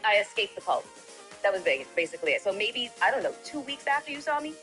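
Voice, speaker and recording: A woman's voice: medium pitch, very animated, fast talker, fairly bright tone, faint music behind. Wry woman trading sarcastic comebacks. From Canada. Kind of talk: casual group banter.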